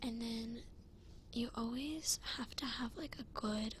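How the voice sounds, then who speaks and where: A woman doing a fast-whispered ASMR role-play as a flaky, self-assured psychic, rambling in a breezy, informal way. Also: a little high, slight background noise. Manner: rambling, breezy, informal filler-heavy talk. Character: flaky, self-assured female psychic giving a cleansing session.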